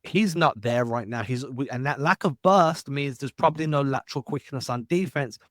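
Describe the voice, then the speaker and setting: Podcast host with long winding questions. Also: male voice, mid-range voice, normal speed, no room sound, studio quality. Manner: long winding questions, self-deprecating asides. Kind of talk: podcast sports analysis.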